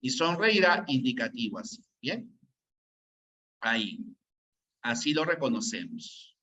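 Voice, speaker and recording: A man's voice: medium pitch, sing-song, measured pace, sharp tone. A male teacher giving a classroom grammar lesson, repeating his points and checking in with "¿no?" after them. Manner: repetitive, drilling points home, asks "¿no?" often. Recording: dull lo-fi classroom recording.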